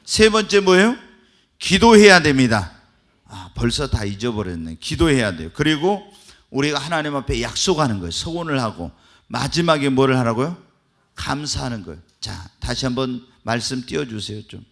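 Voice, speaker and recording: A male pastor preaching a sermon, asking the congregation questions and swinging between hushed and loud. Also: medium pitch, sing-song, normal speed, vocal fry. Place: church.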